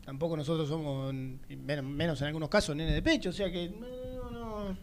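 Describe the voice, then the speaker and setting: A man's voice: on the high side, moderate pace. A man with an Argentine accent, co-hosting a sports talk show in a rambling, chatty way. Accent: Argentine Spanish. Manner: rambling, chatty, often trails off. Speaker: radio sports host. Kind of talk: casual chat.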